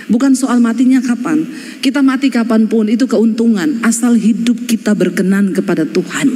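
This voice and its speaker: A woman pastor delivers a lively sermon in with a lilt. She is emphatic and earnest, with flashes of down-to-earth humor. Her voice rings out with a long reverb tail, as in a large church hall. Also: on the high side, normal speed.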